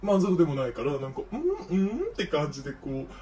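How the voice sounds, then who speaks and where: A man's voice: medium pitch, fast, dark tone. A young man telling a gossipy story in a feminine speaking style, acting out his friends' lines with flair. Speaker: vlogger. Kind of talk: casual storytelling monologue. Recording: faint noise, distant from mic.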